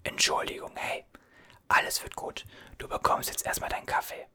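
A man's voice: normal speed, sharp tone. A man whispering as a chatty, soothing gas station cashier in an ASMR roleplay, reassuring and rambling.

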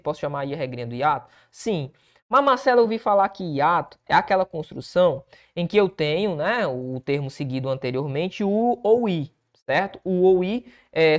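A Brazilian man teaching Portuguese for an exam, working through test questions and answering his own rhetorical questions. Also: high-pitched. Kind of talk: exam-prep lesson walking through questions.

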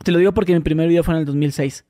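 A man with a Mexican accent hosting a relaxed, joking interview chat. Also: on the high side, racing, no room sound, studio quality. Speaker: host.

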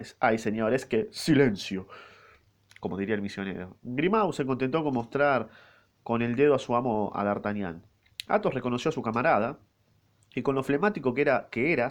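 Argentine dude reading a book out loud, cracking slangy jokes, regular mid voice. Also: male voice, mid-range voice, lively intonation, fast talker. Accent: Argentine Rioplatense Spanish. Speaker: reader of a novel. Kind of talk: casual read-aloud with comments.

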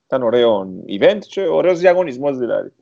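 A man speaks in a gravelly, creaky voice with a Greek Cypriot accent. He talks casually, as a guest telling stories, slipping in English words. The sound is slightly dull and lo-fi. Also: mid-range voice, sing-song, warm tone. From Cyprus. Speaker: interview guest, film and theatre director. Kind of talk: casual conversational storytelling.

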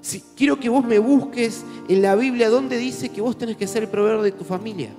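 Male pastor, Rioplatense accent, animated joking sermon; reverberant hall with faint music. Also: very high-pitched, a little fast. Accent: Rioplatense Spanish. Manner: animated, conversational preaching with jokes.

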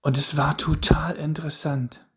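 A man's voice: fairly high pitch, little pitch movement, moderate pace, slightly rough. A man in his thirties hosting a solo podcast, musing aloud with repeated questions and frequent restarts. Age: 30s. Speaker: podcast host. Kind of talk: casual solo podcast monologue.

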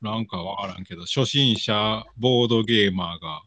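A man with a Kansai accent co-hosting a radio show in relaxed, colloquial conversation. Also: on the low side, a little fast, no echo. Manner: informal, colloquial. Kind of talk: casual chat.

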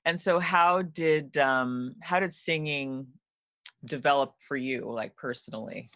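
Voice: medium pitch, measured pace, a bit bright, dry recording, studio quality. A podcast host giving an upbeat, chatty intro and interviewing a guest.

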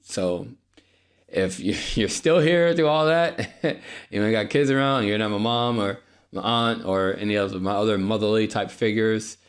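A young male podcast host with a fairly low, clean-toned voice speaks at normal speed in an unscripted solo monologue. Using a podcast microphone, he sounds tired and apologetic, a bit dry, with plenty of fillers and restarts.

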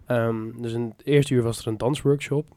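A young man co-hosts a casual podcast chat, talking close to the mic. He jokes around and brags, and he swears casually as he tells stories. His voice sits at a middle pitch. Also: fairly even intonation, normal speed, warm tone. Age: young adult. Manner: joking, boastful, swears casually. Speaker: podcast co-host.

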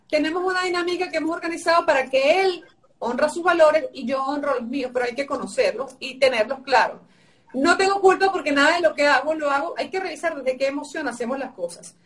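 A woman's voice: sits high, distant mic. A woman giving emphatic, repetitive advice on a live stream, her voice tired and sore-throated. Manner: emphatic, repetitive teaching phrasing. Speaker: guest coach.

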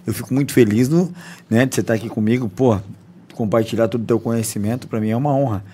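A man from Brazil hosts a podcast at a table with guests. He speaks at a middling pitch in an easy, friendly way, turning to the audience to share news. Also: fast, warm tone, breathy edge. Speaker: podcast host. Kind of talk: casual podcast chat.

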